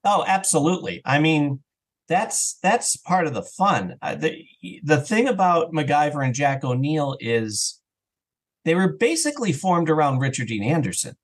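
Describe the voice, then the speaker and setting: An audio drama creator appears as a podcast guest, chatting casually and enthusiastically as he explains things in an interview. His fairly high voice is very animated, his pace moderate, and he stammers into repetitions.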